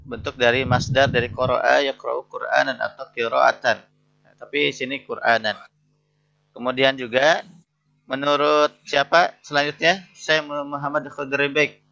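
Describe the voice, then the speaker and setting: Gravelly male lecturer, lo-fi audio. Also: mid-range voice, steady tone, pushed and bright. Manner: reads Arabic phrases slowly, then explains each one, keeps asking "betul tidak?". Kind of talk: interactive lesson.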